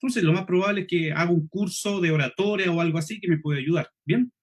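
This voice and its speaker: A man from Chile with a Chilean Spanish accent, teaching an online preaching seminar. He talks fast, clips his words, drops his final S sounds and keeps checking in with the listeners. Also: high voice. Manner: quick, clipped speech, swallows final S, frequent "¿cierto?" checks. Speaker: preaching instructor.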